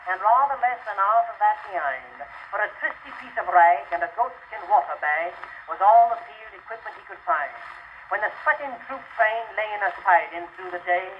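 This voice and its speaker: A man's voice: high-pitched, narrow, tinny audio, natural voice. A man playing a boisterous British soldier in a hammy recitation of verse. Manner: hammy theatrical stage declamation, shouting and swelling. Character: rough, boisterous old British soldier in India, reminiscing fervently. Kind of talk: 1920s dramatic verse recitation. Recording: scratchy band-limited 1920s acoustic record.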